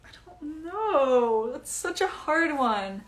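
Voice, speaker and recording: A young Icelandic woman, a singer, chats breezily with lots of fillers while answering comments on a phone livestream from home. Her voice is high-pitched and animated, though she speaks slowly.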